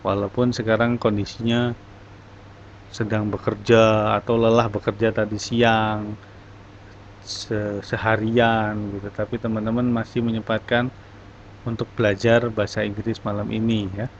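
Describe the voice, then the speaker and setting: A man's voice: lowish voice, little pitch movement, a little slow. A man teaching a class, encouraging his students and explaining step by step. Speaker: English teacher. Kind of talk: online class talk. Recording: dull lo-fi recording, faint noise.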